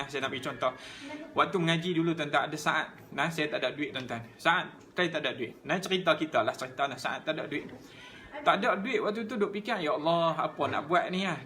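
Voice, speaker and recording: A man's voice: high voice, a bit bright, slight background noise. A man giving a live-streamed religious talk, earnestly and repeatedly addressing his listeners. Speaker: religious teacher.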